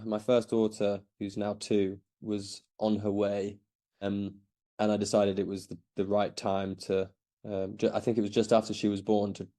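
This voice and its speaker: A podcast guest in his thirties, raised in Belgium, speaks in a lowish voice with a dark tone. He answers interview questions casually and hesitantly, often restarting his sentences.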